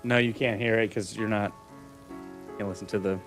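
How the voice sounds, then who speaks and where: A man's voice: fairly low pitch, steady tone, moderate pace, fairly bright tone. A man at a tabletop game who jokes and teases boisterously. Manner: boisterous, often laughing, teasing. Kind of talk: casual tabletop play. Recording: faint background music.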